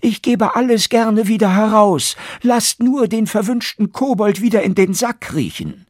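A man's voice: high voice, animated, unhurried, dry recording, clean studio sound, voice pushed up. A man voicing a greedy, cowardly innkeeper in a fairy tale. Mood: whimpering. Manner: scheming, then whiny.

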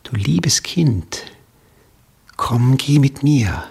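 A man voicing a seductive, menacing spirit king in a slow, breathy whispered role-play. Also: medium pitch, sing-song, darkish tone, full character voice. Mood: luring. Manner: slow breathy whisper, luring then threatening.

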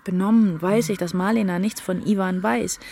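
A woman narrating in the first person in a dramatic literary reading, intense and halting. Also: mid-range voice, fairly even intonation, gravelly, warm tone, a little hiss or hum.

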